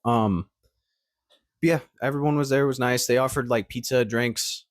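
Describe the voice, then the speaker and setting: A man's voice: medium pitch, fairly even intonation, normal speed, dry recording, clean studio sound. A man of twenty telling stories to camera in a rambling, upbeat way, with lots of fillers and restarts. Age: 20s. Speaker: vlogger. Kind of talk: casual storytelling to camera.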